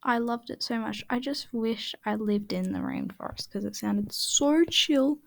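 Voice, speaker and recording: A woman with a high voice talks slowly through a relaxed voice-over while she draws. Her chat rambles and often sinks to a half-whisper, and the sound is dry and close. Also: gravelly, no echo. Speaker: art channel creator. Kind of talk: casual voice-over while drawing.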